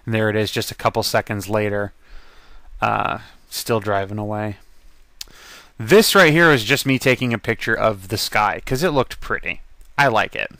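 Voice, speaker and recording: A man's voice: on the low side, normal speed, pushed and bright, no room sound. A man casually narrating a slideshow of his convention photos as a voice-over, chatty and rambling, with frequent ums and laughs.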